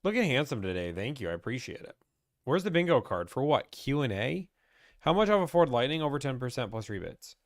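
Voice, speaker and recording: A man's voice: mid-range voice, sing-song, brisk, dry recording, studio quality. A young man from Pittsburgh, chatting casually as he reads and answers viewer questions about car buying on a live stream.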